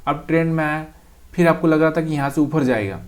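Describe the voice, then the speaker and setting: A man's voice: fairly high pitch, quick pace. A man teaches trading over a chart in a casual, direct way, calling the viewer brother. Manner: talks straight to the viewer, calls them brother.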